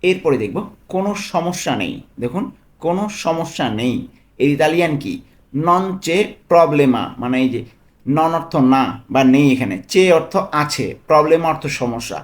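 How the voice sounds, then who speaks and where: A man with a Bangladeshi accent, working as a language tutor. He explains phrases patiently, repeating each one slowly and checking in with "okay?". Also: a little high, lively intonation. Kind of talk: explaining Italian phrases in Bengali.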